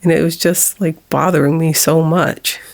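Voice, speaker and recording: A vlogger in her forties speaks haltingly about something personal, her low, creaky voice staying monotone. She laughs nervously as she fights back tears.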